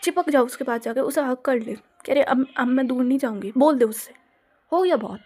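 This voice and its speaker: A cheeky teenage friend in an audio story who bosses her friend along, voiced by a woman narrator. Her voice is high and her talk urgent. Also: a little fast, mellow. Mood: urging. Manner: bossy, urging. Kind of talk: Hindi audio story role-play.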